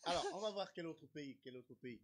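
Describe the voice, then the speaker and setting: A woman's voice: low voice, animated, normal speed. A woman interviewer who hesitates often while steering the conversation from country to country. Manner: hesitant, many "euh" fillers. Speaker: interviewer host.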